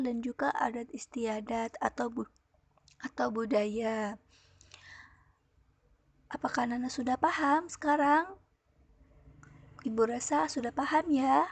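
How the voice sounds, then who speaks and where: High-voiced woman teacher explaining a lesson. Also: a little mellow, no room sound. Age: young adult. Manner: explains patiently to pupils, asks them questions. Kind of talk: online lesson for schoolchildren.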